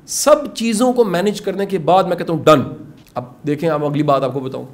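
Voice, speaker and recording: A middle-aged man with a Punjabi accent speaks to a room of course participants in an earnest, urging way, slipping English phrases into his talk. His voice sits a little high for a man. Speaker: motivational speaker teaching a course. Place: indoor classroom with participants.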